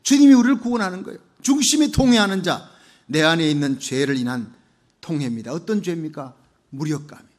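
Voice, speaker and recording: A male pastor delivers a Sunday sermon with fervent conviction, building rhythmic lists of repeated phrases. His voice sits high and moves expressively, swooping from loud proclamations down to quiet, low-spoken asides. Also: lively intonation, a little fast. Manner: fervent preaching, swinging from loud declarations to hushed low asides.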